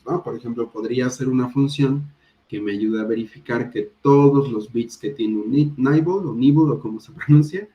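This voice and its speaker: Relaxed Mexican man lecturing. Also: medium pitch, low-quality recording. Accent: Mexican Spanish. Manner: relaxed, conversational, many fillers and tag questions. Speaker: university lecturer. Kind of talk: recorded programming lecture.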